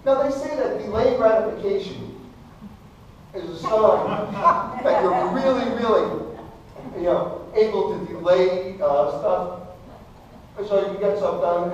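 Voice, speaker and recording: High-pitched kids party magician man in echoey room. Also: unhurried, muffled recording. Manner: playful, exclamatory, mock-bumbling showman. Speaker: stage magician. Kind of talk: kids party magician, comic audience-participation patter. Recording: very echoey room, distant mic, faint noise.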